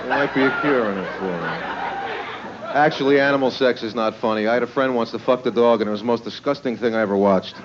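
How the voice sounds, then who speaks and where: Performing live stand-up on stage before a laughing audience, a man tells leering, smutty jokes in a conversational style full of rhetorical questions. His medium-pitched voice is fast, and the noisy, muffled club recording carries a loud crowd.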